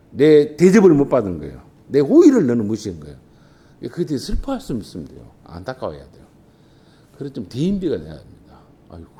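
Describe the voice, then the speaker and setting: Animated male pastor preaching. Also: medium pitch. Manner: animated preaching with rhetorical questions, swinging from loud to hushed. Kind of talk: sermon. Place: church sanctuary.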